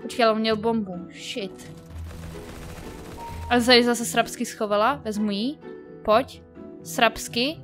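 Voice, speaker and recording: A young woman with a high voice chatters through a shooter game, flustered and excitable, her throat a little sore from yelling. Faint music plays underneath her talk. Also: pauses often. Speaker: gaming YouTuber. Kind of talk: casual gameplay commentary.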